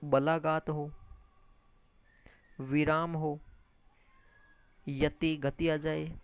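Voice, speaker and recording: A man teaching an exam-prep lesson, animated, repeating key terms and addressing listeners as friends, with English words mixed into his speech. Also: on the high side, very slow, clear, resonant tone, dry recording. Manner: mixes English words into lecture.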